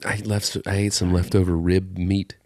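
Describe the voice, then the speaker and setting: A man co-hosting a casual podcast chat, a bit nasal and stuffy from a cold, playful and given to jumping into silly high voices. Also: flat delivery, normal speed, a little mellow, dry recording, studio quality. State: congested from a cold. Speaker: podcast co-host.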